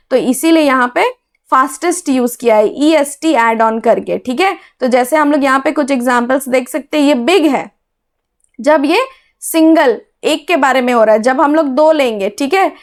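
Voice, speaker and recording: A woman teaching English grammar in a casual classroom manner, often checking in with her students and reading examples slowly. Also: high voice. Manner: checks in with "ठीक है?" after nearly every point. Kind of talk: explaining a lesson in Hindi-English mix.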